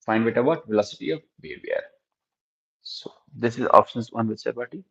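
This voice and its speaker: A man's voice: medium pitch, moderate pace, creaky. A man with an Indian accent teaching a live online physics lesson, often repeating phrases and questions and addressing his students in a familiar way. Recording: dull, lo-fi microphone sound.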